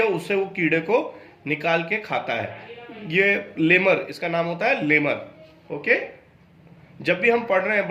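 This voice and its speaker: Brief: bright, high-voiced male teacher, halting reading pace, recorded in a roomy echo. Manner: slow halting reading, quicker explaining. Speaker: school teacher. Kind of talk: online class lesson.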